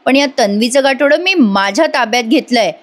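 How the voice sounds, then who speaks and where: Woman reading a gentle young husband thinking out loud, highish voice. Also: animated, a little fast, lightly acted. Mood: earnest. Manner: reassuring, thinking aloud. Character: calm young husband, puzzled and caring.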